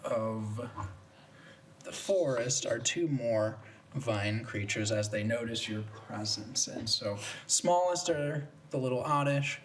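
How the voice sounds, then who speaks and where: A man narrating as game master of a tabletop game, describing monsters in a relaxed, chuckling way. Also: medium pitch, takes it slowly. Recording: roomy, distant mic, faint noise.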